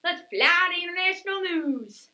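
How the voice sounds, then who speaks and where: A woman's voice: very high voice, animated, normal speed, sharp tone, exaggerated voice. A woman playing a cheerful, naive country boy anchor with a put-on drawl. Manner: folksy, eager.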